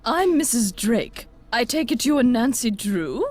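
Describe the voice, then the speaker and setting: A woman's voice: a little high, expressive, a little slow, darkish tone, a little hiss or hum. An actress voicing a stern older woman in a video game, brusque and dismissive. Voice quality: brusque, curt.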